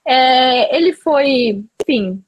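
A woman's voice: high-pitched, lively intonation, very slow, dry recording, poor audio. A woman hosting a casual chat, rambling with lots of fillers and enthusiasm.

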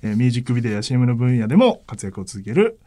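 A man's voice: medium pitch, big pitch swings, racing, mellow. A man in his thirties hosting a casual interview, teasing his guest and laughing often. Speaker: podcast host.

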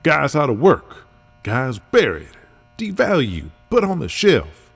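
Husky gruff wrestling veteran, folksy, animated, voiced by a man. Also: mid-range voice, slow, faint music behind, pitched above the performer's own voice, heavily acted. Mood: rousing. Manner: rousing, folksy, determined. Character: gruff male veteran wrestling legend, rallying.

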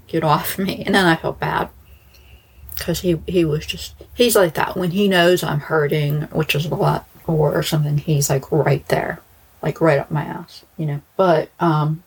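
A woman's voice: sits low, breathy edge. A woman podcast host giving a casual solo update to listeners, in a rambling, informal way. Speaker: true crime podcast host.

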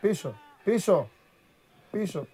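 A man with a high, very lively voice hosts a sports talk show. He teases his co-host and calls out orders to the crew in playful studio banter. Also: husky. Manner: teasing, bossy, directs the crew.

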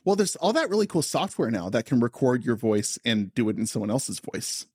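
A man's voice: medium pitch, very animated, a little fast, darkish tone, husky, no echo. A man co-hosting a podcast in casual comedic chat, playful and teasing, on a studio microphone. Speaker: podcast co-host.

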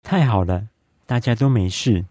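A man voicing a brave, kind young boy hero in a bedtime story, speaking gently and earnestly. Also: lowish voice, moderate pace, no echo, studio quality, lightly acted.

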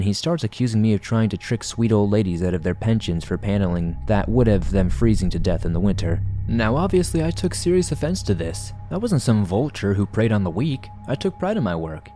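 A man reading a scary story aloud for a podcast, in a measured, wry storytelling manner. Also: low-pitched, dark tone. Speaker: podcast narrator. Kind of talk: scripted horror story narration.

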